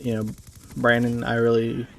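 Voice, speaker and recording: A young man giving a halting, casual voice-over over gameplay, full of fillers and swearing, as a clan leader recalling a friend. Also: mid-range voice, monotone, creaky, fairly bright tone, slight background noise. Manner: halting, rambling, heavy with fillers; casual and profane. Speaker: gaming YouTuber and clan leader.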